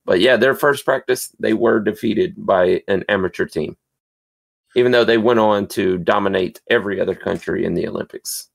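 Low gravelly-voiced chatty man. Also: normal speed. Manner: chatty storyteller, laughs easily. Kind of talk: casual chat.

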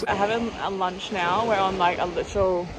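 Over loud music, a travel vlogger in her twenties speaks a little fast, her medium-pitched voice holding a steady tone. The young Australian woman chats to her handheld camera or phone in the car and outdoors on a road trip, peppering her talk with fillers, especially "like". Road and outdoor sounds make it noisy.

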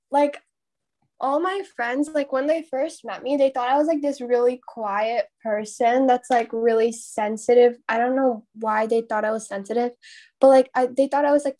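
High-voiced teenage girl, Indian accent. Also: fairly even intonation, moderate pace, warm tone. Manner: hesitant, heavy use of "like". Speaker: podcast co-host. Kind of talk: casual chat.

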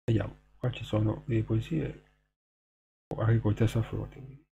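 A man's voice: lowish voice, flat delivery, moderate pace, gravelly, warm tone, dull audio. A man streaming live, casually reading short poems aloud and counting their syllables in a hesitant way. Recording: noisy hum behind the voice.

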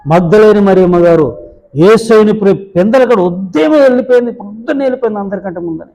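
A man's voice: high voice, quick pace, warm tone, long reverb tail, rough recording. A male pastor giving a daily devotional sermon, fervently retelling scripture with rising emotional emphasis.

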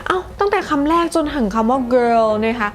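A woman's voice: a little high, lively intonation, normal speed. A woman teaching English pronunciation in a casual lesson, repeating each word several times and switching between English and Thai explanations.

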